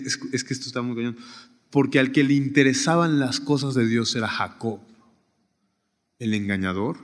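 A man preaching a sermon, swinging from raised emphatic lines to quiet, hushed ones. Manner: animated preaching, rising high then dropping to a near hush. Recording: long hall reverb.

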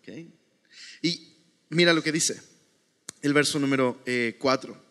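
A man's voice: medium pitch, unhurried, bright, forceful tone, clean tone. Male preacher, casual and conversational, reads scripture aloud, long hall reverb. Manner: conversational, keeps checking in with ok. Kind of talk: sermon.

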